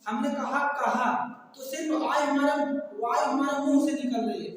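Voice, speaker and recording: A high-voiced man explains grammar like a classroom teacher, repeating his examples patiently. He sounds far from the mic, and his voice rings with long room echo. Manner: repetitive, explains slowly with examples, addresses viewers as friends. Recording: echoey distant room sound.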